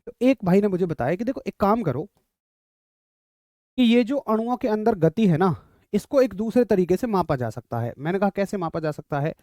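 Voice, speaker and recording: A male physics teacher lectures with a high-pitched voice, explaining ideas through a small story and checking in with students. His voice sounds close and dry. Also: lively intonation, moderate pace, warm tone, no room sound. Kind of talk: classroom lecture.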